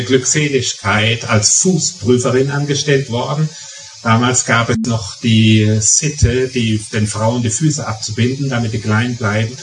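Palatinate-accented preacher in an echoey hall. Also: male voice, mid-range voice, slight background noise. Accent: Palatinate German. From Palatinate, Germany. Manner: storytelling, emphatic repetitions. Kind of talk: sermon. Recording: echoey hall, distant mic, faint music.

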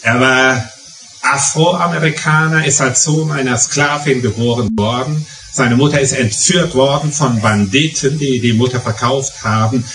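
Palatinate-accented preacher in an echoey hall. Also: male voice, medium pitch, unhurried, fairly bright tone, slight background noise. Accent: Palatinate German. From Palatinate, Germany. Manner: storytelling, emphatic repetitions. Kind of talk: sermon. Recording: echoey hall, distant mic, faint music.

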